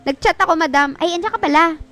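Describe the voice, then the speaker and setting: A young woman streaming a mobile game in casual commentary, loud, with sudden shrieks and swearing. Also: very high voice, fast talker, faint music behind.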